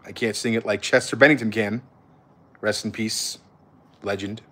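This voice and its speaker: A male streamer with an American accent fields viewer questions in a relaxed livestream, talking bluntly with plenty of slang. His voice is lowish, pushed and bright, with fairly even intonation and a moderate pace.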